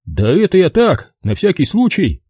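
A man's voice: high-pitched, huge pitch swings, normal speed, warm tone, breathy edge, no room sound, studio quality, pitched above the performer's own voice, heavily acted. A man voicing a cheeky young soldier who mocks and rattles on like a know-it-all. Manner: sly, mocking, rattles on.

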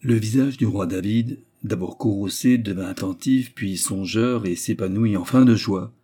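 A man reading a literary story aloud as narrator, with a slow, ornate storytelling cadence. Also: on the low side, dark tone, breathy edge. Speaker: audiobook narrator.

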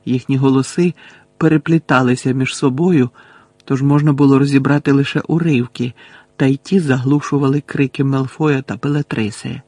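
A male audiobook narrator tells the story in a steady, measured way. His voice is gravelly and somewhat husky, and it sits dry and close to the mic with no room around it. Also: mid-range voice, no room sound.

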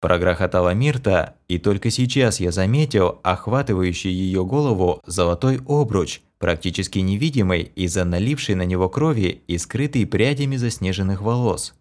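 Male audiobook narrator, intense and dramatic, fairly low voice with lively swings. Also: moderate pace, few pauses. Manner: intense, dramatic, emotional reading. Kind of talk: first-person fantasy audiobook narration.

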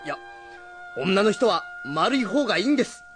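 An actor playing a hot-headed young rakugo storyteller, blunt and quick to scold. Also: male voice, sits high, sing-song, over music. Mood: flustered. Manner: gruff, rough-tongued and quick to scold. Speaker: rakugo storyteller teaching students. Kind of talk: film drama acting.

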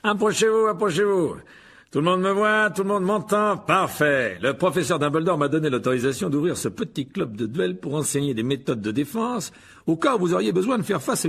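A man voicing a vain, pompous adult wizard teacher who boasts in a high, theatrical, booming voice. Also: gravelly, a bit bright, breathy edge, heavily acted.

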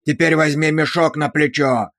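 A man voicing a brutal, abusive male drill sergeant who barks insults with slow, hammering emphasis. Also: a little high, steady tone, a bit bright, dry recording, clean studio sound. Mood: bellowing.

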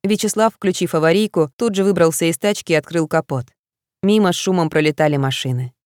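A young woman reading a first-person audiobook in a calm, even storytelling manner. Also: fairly low pitch, brisk, no room sound, studio quality. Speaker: audiobook narrator.

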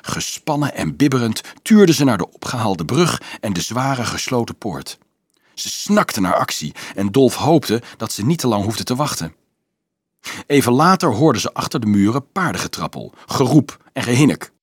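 A man reads an adventure story aloud in a dramatic, expressive storytelling manner. His husky voice swings widely in pitch, and the sound is dry and close with no room echo. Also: moderate pace. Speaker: narrator. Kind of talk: audiobook narration.

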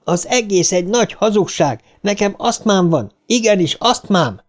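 A man voicing a frightened asthmatic boy in an audiobook, protesting in a shrill, desperate way. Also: lively intonation, a little mellow.

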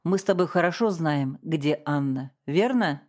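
A woman's voice: low voice, expressive, moderate pace, a little mellow. Harsh, cold husband read by a woman narrator; sarcastic, cutting. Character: harsh domineering middle-aged husband. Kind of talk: audiobook character reading.

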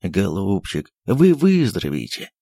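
A man's voice: huge pitch swings, measured pace, mellow, no room sound, studio quality, heavily acted. Man doing a coaxing, sentimental old postmaster. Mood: coaxing tender. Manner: low, coaxing, tender, drops into whispers. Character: fussy elderly male postmaster, sentimental, pushy.

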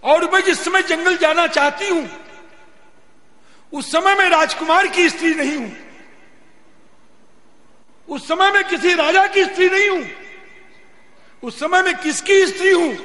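A man's voice: very high-pitched, sing-song, takes it slowly, long pauses, pushed and bright, heavily acted. A man voicing the devoted young princess Sita, pleading in a rising, emphatic way during a religious discourse. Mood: insistent. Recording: long hall reverb, faint noise.

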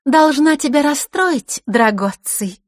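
A woman's voice: very high voice, very animated, measured pace, no room sound, studio quality, voice pushed up, heavily acted. A woman voicing a spiteful teenage girl who mocks in a singsong, sneering tone. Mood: mocking.

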